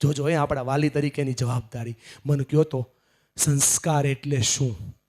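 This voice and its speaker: A middle-aged man giving a live motivational seminar, emphatic, swinging from loud to hushed. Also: mid-range voice, fairly even intonation, normal speed. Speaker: motivational speaker. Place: large seminar hall with audience.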